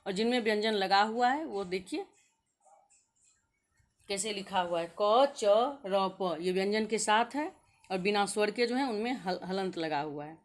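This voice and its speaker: A woman teaching a grammar lesson to young children at a mid pitch. She speaks slowly and deliberately, breaking words into single sounds and naming each letter clearly. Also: lively intonation. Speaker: school teacher.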